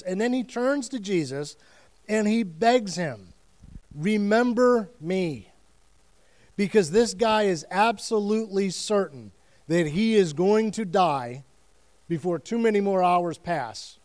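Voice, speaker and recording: A man's voice: high-pitched, expressive, measured pace, a little mellow. A man preaching a communion sermon as the church's student and family pastor, speaking earnestly and emphatically with frequent restarts.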